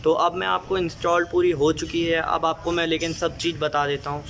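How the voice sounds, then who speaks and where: A young man films on a handheld phone outdoors beside his car, at the engine bay, casually walking viewers through a DIY wiring job step by step as if talking to friends. His voice is a little high, bright, and gravelly, delivered flat and briskly. There's a little hiss or hum; he's a DIY car modification vlogger.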